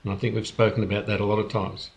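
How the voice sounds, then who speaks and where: A man hosting a spiritual gathering over a video call, speaking in an unhurried, halting way with restarts. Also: lowish voice, little pitch movement. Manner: unhurried, halting, with many restarts and soft laughs. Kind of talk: casual reflective talk on a video call.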